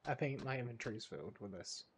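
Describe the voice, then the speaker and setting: A man's voice: mid-range voice, lively intonation, fast, slight background noise. A man giving casual let's play commentary as a streamer, chatty and full of fillers, often tripping over his words.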